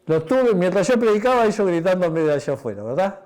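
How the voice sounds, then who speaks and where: A pastor with a Uruguayan Spanish accent preaches a sermon, telling a personal story with acted-out dialogue and frequent tag questions. His voice sits high, sing-song and brisk, and near the end he drops to a quiet, intimate tone.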